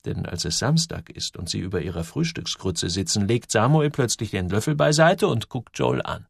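A man narrating a children's story with expressive storytelling. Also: fairly low pitch, normal speed, creaky, breathy edge, no echo, studio quality. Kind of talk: audiobook narration.

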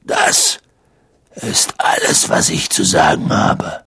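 A man voicing a huge, rough, hot-tempered gamekeeper who blurts and blusters in an audiobook reading. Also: low-pitched, huge pitch swings, slow, pushed and bright, no room sound, clean studio sound, heavily acted. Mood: gruff.

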